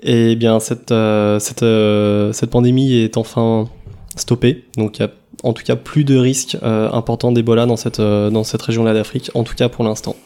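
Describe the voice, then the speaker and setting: A man co-hosting a casual news podcast, explaining in a relaxed way with repeated words. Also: mid-range voice, normal speed, clear, resonant tone. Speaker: podcast co-host.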